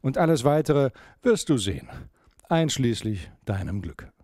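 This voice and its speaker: A soft-spoken, courteous snow owl from a storybook, voiced by a man. The voice lifts and falls in a lively, sing-song way and stays polite and coaxing. It sounds dry and close, with no room around it. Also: mid-range voice, a little slow, dry recording. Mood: gentle, coaxing. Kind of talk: storybook reading.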